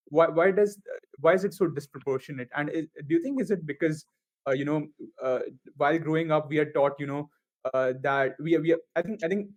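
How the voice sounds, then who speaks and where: A man's voice: on the high side, darkish tone. A man hosting an interview, asking questions in a hesitant way with frequent restarts and fillers. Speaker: podcast host, interviewer.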